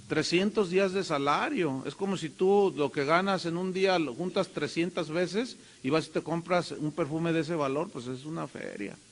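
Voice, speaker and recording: A man's voice: a little high, moderate pace, few pauses, in a large hall. A man with a Mexican accent preaching a sermon as a pastor, emphatic and full of rhetorical questions.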